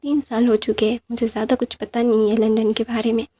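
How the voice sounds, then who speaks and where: A woman's voice: a little high, level tone, brisk, warm tone, slightly rough. A woman voicing a whiny, dramatic young man in a told fan story, complaining and pleading with English phrases mixed in. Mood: exasperated. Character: whiny young male omega, dramatic and exasperated.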